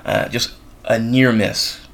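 A man's voice: medium pitch, little pitch movement, slow, a bit bright, a little hiss or hum. A man hosting his own show, telling a long story in a rambling way, full of ums and uhs. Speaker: podcast host. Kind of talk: casual storytelling. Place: college town in the United States.

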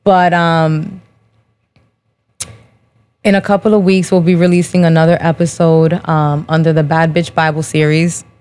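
A woman in her thirties with a fairly low voice talks straight to her listeners as a podcast host. She speaks candidly and casually, in slang, with plenty of "um"s between thoughts. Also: little pitch movement, moderate pace, pauses often, darkish tone. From New Jersey, USA. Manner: candid, slangy, many "um" fillers. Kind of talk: casual personal monologue.

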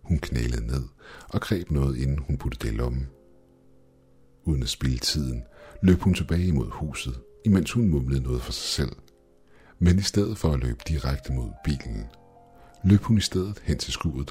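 Very deep, husky male horror narrator. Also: lively intonation, darkish tone, soft background music.

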